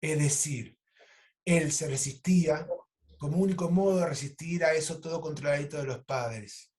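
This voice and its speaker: Animated Argentine man, high voice. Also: normal speed. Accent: Argentine Spanish. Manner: animated storytelling, acts out quoted lines. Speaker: psychoanalyst teaching an online course. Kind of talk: lecture with clinical anecdotes.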